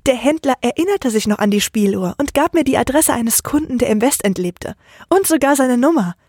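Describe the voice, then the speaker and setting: A woman voicing a sweet young wife, talking in a raised, earnest, somewhat husky voice. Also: high voice, lively intonation, brisk, darkish tone, no room sound, clean studio sound. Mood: pleading.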